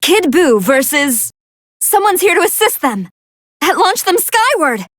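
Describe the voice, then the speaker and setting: A woman's voice: very high-pitched, very animated, measured pace, no room sound, clean studio sound, exaggerated voice. A woman voicing a brainy female android scientist who gives articulate, analytical commentary on battles in a video game. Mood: announcing. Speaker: fight commentator.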